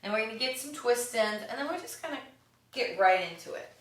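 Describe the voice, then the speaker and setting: A woman leading a yoga exercise class with slow counted cues, upbeat and encouraging, with the hiccups. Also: fairly high pitch, animated, fairly bright tone. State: has the hiccups. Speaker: yoga instructor. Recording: echoey room, voice from a distance.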